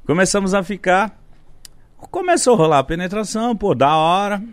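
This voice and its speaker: A young man telling a story on a podcast in slangy, animated casual chat. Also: high voice, moderate pace, clear, resonant tone, no room sound. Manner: slangy, animated, laughs while telling stories. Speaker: podcast host. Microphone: studio microphone.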